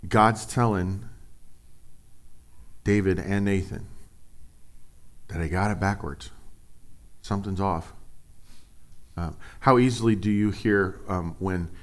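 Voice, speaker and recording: A man's voice: deep voice, slow pace, pauses often. A man preaching a conversational sermon as pastor, joking and asking lots of rhetorical questions.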